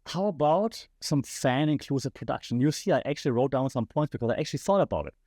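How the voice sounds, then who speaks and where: A man's voice: medium pitch, lively intonation, quick pace, darkish tone, no echo, studio quality. A man with a German accent hosting a podcast, giving passionate solo commentary and putting rhetorical questions to his listeners. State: slightly losing his voice. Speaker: podcast host.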